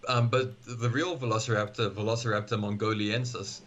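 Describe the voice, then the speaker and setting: A man's voice: fairly low pitch, steady tone, fairly bright tone, dull audio, slight background noise. A man, a paleontologist, talking eagerly on a game stream and often restarting his sentences. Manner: enthusiastic, halting with many restarts. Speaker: paleontologist guest. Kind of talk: casual chat on a game stream.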